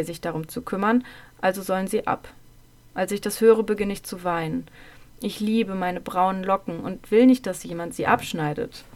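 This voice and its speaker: Woman telling her childhood story, calm and measured, trails off quiet at line ends. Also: mid-range voice. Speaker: narrator. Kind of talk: first-person storytelling of a childhood memoir.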